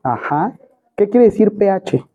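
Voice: medium pitch, lively intonation, a little slow, dark tone, a little hiss or hum. A teacher with a Mexican Spanish accent gives a classroom lecture and keeps quizzing the students with questions. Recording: tinny phone-quality recording.

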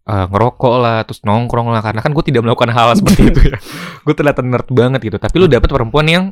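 A man's voice: mid-range voice, fast, studio quality. A young man with a Jakarta accent hosting a casual podcast, talking in Jakarta slang and echoing what he hears. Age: young adult. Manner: Jakarta slang, echoes the other speaker's words. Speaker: podcast host.

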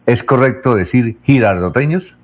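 A male radio news host reads listener questions in an even announcer's delivery. He moves briskly between items and time checks. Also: medium pitch.

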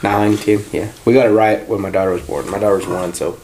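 A man's voice: fairly low pitch, fairly even intonation, fast talker, darkish tone, slight background noise. A man in his thirties chatting casually on a podcast, easygoing and full of questions. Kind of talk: casual chat.

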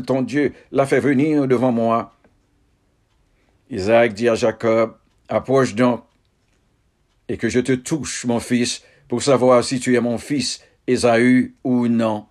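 A man reads scripture aloud in a solemn, measured manner, breaking the text into short phrases. He takes his time, with a very unhurried pace and an ordinary mid-range pitch. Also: darkish tone. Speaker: Bible reader. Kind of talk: scripture reading.

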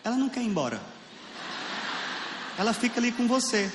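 A man with a Brazilian Portuguese accent doing a crude stand-up set on a theater stage, animated and laughing at his own jokes. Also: extremely high pitch, brisk. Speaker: stand-up comedian. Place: theater stage with live audience. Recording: echoey hall with room noise.

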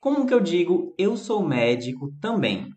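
A man's voice: sits high, big pitch swings, normal speed, a little mellow. A man with a Brazilian Portuguese accent, an English teacher giving a chatty live-streamed lesson and answering viewers by name. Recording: roomy echo.

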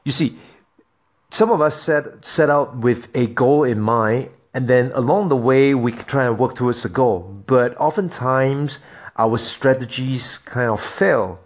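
Man, podcast host, earnest, motivational, speaking straight to listeners, mid-pitched voice. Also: a little slow. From Singapore. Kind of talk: solo podcast monologue.

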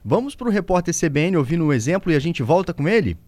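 A man's voice: fairly high pitch, very animated, fast. A man, a radio host who chats casually, offering short prompts and agreements. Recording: loud music behind the voice.

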